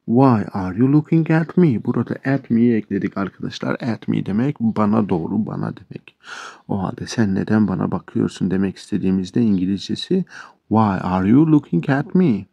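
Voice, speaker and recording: A man teaching English sentences, explaining each one and repeating the examples slowly. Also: lowish voice, animated, vocal fry, dark tone, no room sound, highs cut off. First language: Turkish. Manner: explains sentences line by line, addresses viewers as friends. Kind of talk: language lesson.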